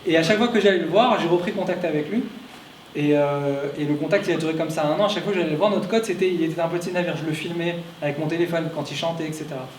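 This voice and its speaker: A man's voice: fairly high pitch, quick pace, slight background noise. Man telling a story in an echoey room. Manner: emotional, repetitive restarts. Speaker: conference speaker. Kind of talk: personal storytelling talk. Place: conference room at a clinic. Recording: echoey room, distant mic.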